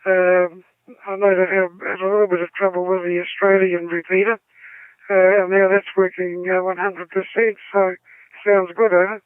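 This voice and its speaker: A man, a ham radio operator talking haltingly over a narrow AM-style radio link. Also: high voice, flat delivery, clear, resonant tone, no room sound. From New Zealand. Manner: halting, many ums, signs off with "over". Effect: heard over a narrow AM-style radio link. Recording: tinny lo-fi radio audio.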